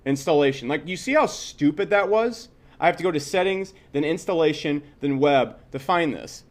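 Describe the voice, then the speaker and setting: This man's voice sits on the high side, with lively intonation and a normal pace. A blunt, opinionated software instructor who swears freely, he teaches a casual screen-share tutorial in a conversational way, repeating points and tossing in quick check-in tags.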